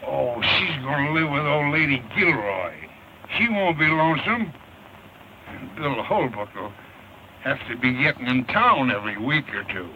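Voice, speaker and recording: An actor playing a flustered, folksy ranch hand in an early 1930s western talkie, with an American accent and a stammering, halting delivery. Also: male voice, mid-range voice, animated, bright, forceful tone. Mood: reassuring. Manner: stammering, halting, repeats himself. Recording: noisy 1930s film soundtrack.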